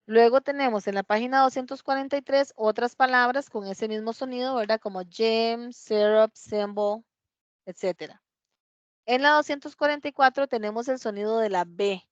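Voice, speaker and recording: A woman with a fairly high voice leads a class, explaining with patience. She sounds out single words slowly and clearly and keeps checking that her students follow. The sound is dry and dull, like a lo-fi recording. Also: no echo. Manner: often checks understanding with tag questions. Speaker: English teacher. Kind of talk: classroom lesson.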